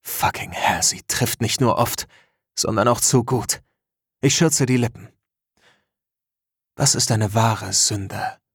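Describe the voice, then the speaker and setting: A man narrating a story in the first person, measured and introspective. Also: mid-range voice, creaky, fairly bright tone, breathy edge, dry recording, studio quality.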